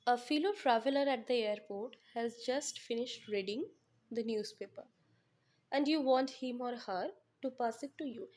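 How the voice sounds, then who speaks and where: A woman with a Bengali accent teaching an exam-prep lesson, reading English lines slowly and then explaining them, checking in with her students. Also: fairly high pitch, a little mellow.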